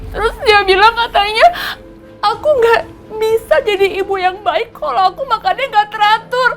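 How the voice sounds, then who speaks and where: A woman's voice: sits high, natural voice. An actress playing a scheming young woman who fakes a pregnancy, whiny and accusing, with fake tears. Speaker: actor in a TV soap. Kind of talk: TV soap acting.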